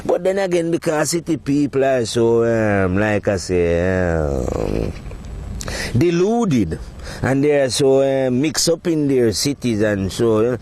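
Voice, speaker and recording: A man with a lilt holds forth in a loose, wandering monologue, circling his points and chuckling at them. His voice sits at an ordinary middle pitch. A faint hum of ambience runs underneath. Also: very animated, a little slow, a little mellow. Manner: rambling, provocative, laughs at his own points. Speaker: podcast host. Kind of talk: casual spoken monologue.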